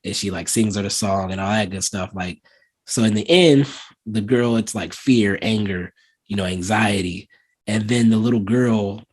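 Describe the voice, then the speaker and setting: A man hosting a casual movie review podcast, chatting loosely with lots of fillers and acting out scenes in lively voices. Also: on the low side, normal speed, slightly rough. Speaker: podcast host.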